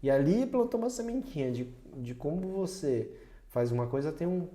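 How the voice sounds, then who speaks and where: Man talking in a warm, roomy podcast room. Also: a little high, lively intonation, moderate pace. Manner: reflective storytelling, laughs often at himself. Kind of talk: casual podcast conversation. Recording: roomy echo.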